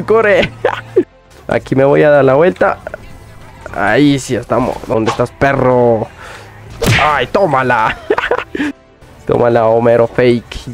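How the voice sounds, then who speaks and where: Excitable young man yelping through gameplay. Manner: excitable, yelps "uy" constantly, laughs often, voice jumps high when startled. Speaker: gaming youtuber.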